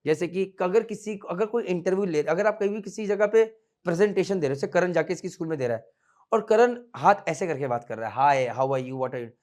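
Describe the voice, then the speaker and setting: A man in his thirties teaching students in a classroom, mixing Hindi and English, switching between fast and slow, loud and soft speech. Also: sits high, animated. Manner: mixes Hindi and English freely, scolds playfully. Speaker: merchant navy coaching instructor. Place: classroom with students standing behind.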